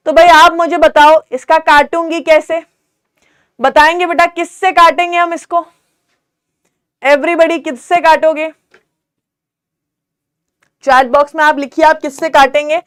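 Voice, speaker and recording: A young woman teaching biology in a live online class, mixing English terms into Hindi, quizzing students and asking whether it is clear. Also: high voice, slow, long pauses, fairly bright tone. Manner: calls students "beta", quizzes them, asks if it's clear.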